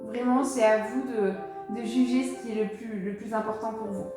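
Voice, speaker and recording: A woman leading a pilates class, calmly talking students through each movement and counting breaths aloud in a relaxed, chatty way. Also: a little high, moderate pace. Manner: calm, encouraging, counts breaths aloud with casual fillers. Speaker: pilates instructor. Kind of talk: guided exercise class. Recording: echoey room with music behind.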